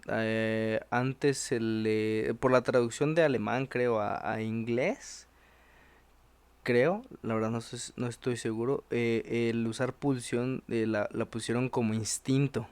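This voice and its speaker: A man's voice: mid-range voice, a little mellow, clean tone. A young Mexican man in casual podcast chat, thinking aloud with many restarts. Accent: Mexican Spanish. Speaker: podcast co-host.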